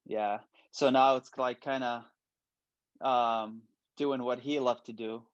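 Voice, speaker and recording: This bodybuilder guest, a man from Iraq in his late 20s, talks slowly in a medium pitch during a casual interview. He sounds relaxed, dropping plenty of ums and likes, and the recording is dull and dry.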